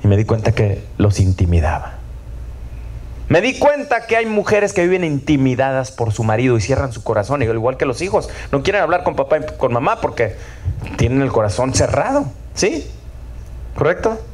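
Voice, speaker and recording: A man's voice: mid-range voice, very animated, moderate pace, darkish tone. A middle-aged man, preaching a sermon and often asking the audience for agreement. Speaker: pastor.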